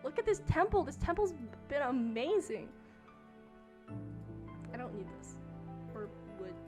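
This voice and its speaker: A woman's voice: high-pitched, very animated, a little slow, music in the background. A young woman streamer telling a story casually while she plays a game, talking in a chatty way with lots of fillers.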